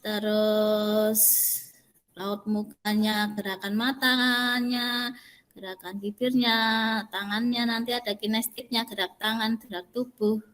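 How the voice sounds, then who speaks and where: A woman's voice: medium pitch, level tone, takes it slowly, fairly bright tone, in a large hall, faint music behind. A woman teacher patiently explaining pronunciation and intonation step by step during an online class, modelling examples as she goes. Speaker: Indonesian language teacher.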